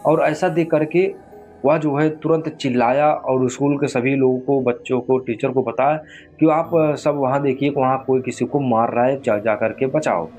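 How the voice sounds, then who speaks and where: A man's voice: mid-range voice, steady tone, moderate pace, darkish tone. A man telling a spooky story in a loose, conversational way, full of filler phrases. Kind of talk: casual spoken horror storytelling. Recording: clear music bed under the voice. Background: background music.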